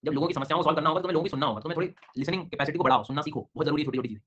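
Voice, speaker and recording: A man runs an online geography class, talking very fast and calling on students by name. His comes through as he explains and questions them. The recording is dull and lo-fi. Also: fairly high pitch, fairly bright tone, slightly rough. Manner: brisk, quizzing students by name. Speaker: teacher.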